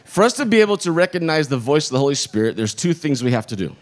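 A man's voice: on the high side, sing-song, moderate pace. A middle-aged man preaching a sermon in through an interpreter, playful and joking with the congregation. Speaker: pastor.

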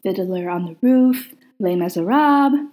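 A woman's voice: mid-range voice, expressive, a little slow, dark tone, close to an everyday voice. A woman voicing a fussy, fond male angel who speaks in a gracious, lilting way.

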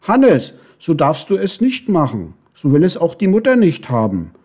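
A man's voice: a little high, huge pitch swings, moderate pace, a little mellow, breathy edge, heavily acted. A man voicing a young, prim girl beetle who speaks earnestly, in a storybook reading.

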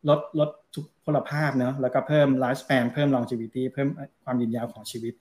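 A man who is a doctor, talking through health advice on a podcast in a relaxed, explanatory way with soft polite phrase endings. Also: mid-range voice, moderate pace. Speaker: doctor, guest expert.

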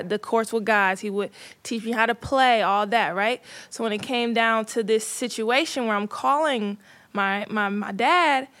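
A woman who plays professional basketball, talking in a casual panel discussion as an animated storyteller. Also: a little high.

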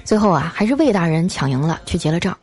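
A woman telling comic anecdotes in a lively, scripted way, stretching out filler sounds between phrases. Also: on the low side, fast, breathy edge, soft background music. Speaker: storyteller host.

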